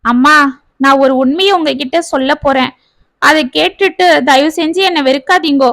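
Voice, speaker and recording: A woman voicing a gentle young woman who pleads and confesses in a spoken family story. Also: high voice, moderate pace, creaky, no echo. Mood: pleading.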